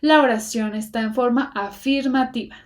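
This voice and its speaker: A woman teaching an English grammar lesson in Spanish, explaining step by step in a patient way and pronouncing the example sentences slowly and carefully. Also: fairly high pitch.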